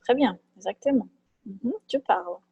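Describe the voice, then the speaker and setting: A woman teaching a French class online, chatty and thinking aloud, with many fillers and quick tag questions, on a computer mic. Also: mid-range voice, lively intonation, gravelly, mellow, husky, no room sound, lo-fi sound. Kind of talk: online class, explaining grammar.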